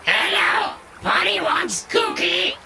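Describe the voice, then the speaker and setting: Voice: extremely high pitch, wildly swooping pitch, gravelly, exaggerated voice. An actor voicing a squawking mechanical parrot in a video game, a simple-minded robot bird that repeats its demands. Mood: eager, demanding. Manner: robot bird squawk, repetitive drawn-out phrases. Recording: loud music behind.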